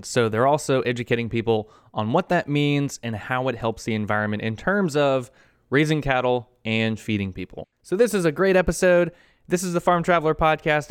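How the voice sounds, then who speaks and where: Upbeat man, smooth dry podcast voice. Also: medium pitch, no echo. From United States. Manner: upbeat, enthusiastic. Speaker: podcast host. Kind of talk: podcast interview.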